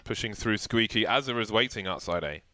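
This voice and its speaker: Bright-voiced male esports caster. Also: on the low side, expressive, a little fast. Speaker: esports commentator. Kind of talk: live play-by-play commentary. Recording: light background noise with game gunfire.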